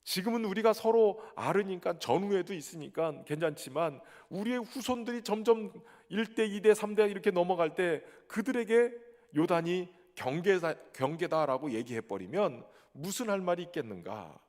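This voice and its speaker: A male pastor from Chungcheong, South Korea, preaches a sermon in a church sanctuary with a Chungcheong Korean accent. His high voice moves at a normal speed with big-room sound, and his delivery is lively, conversational and touched with humor.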